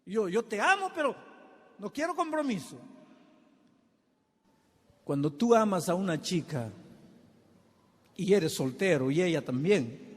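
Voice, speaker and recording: A man's voice: a little high, darkish tone. A man preaching an evangelistic sermon as pastor, impassioned and acting out little dialogues as he calls people forward. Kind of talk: evangelistic sermon with altar call. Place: large church hall. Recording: long hall reverb.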